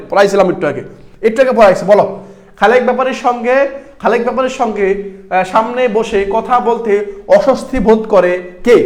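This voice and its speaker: Young guy w/ teaching exam prep, keeps repeating q's and answers, pretty high voice. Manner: repeats questions and answers, addresses students as brothers. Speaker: tutor. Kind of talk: exam-prep class lecture.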